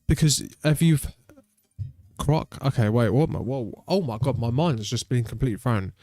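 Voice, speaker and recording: A man's voice: mid-range voice, a little mellow, dry recording, clean studio sound. A British man chatting casually and rambling while streaming a game. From Britain. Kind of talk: casual live-stream chat.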